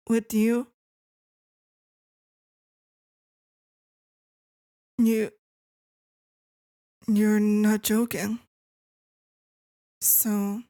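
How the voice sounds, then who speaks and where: A woman playing a possessive, controlling wife in an ASMR role-play, speaking with sweet, eerily obsessive calm and deliberate pauses. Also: a little high, dry recording. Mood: soft, unsettled.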